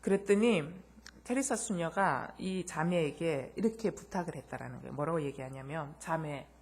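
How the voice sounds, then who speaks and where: Husky-voiced woman pastor preaching. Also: sits low, normal speed. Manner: addresses the congregation directly with rhetorical questions; tells anecdotes, acting out the voices. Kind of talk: sermon.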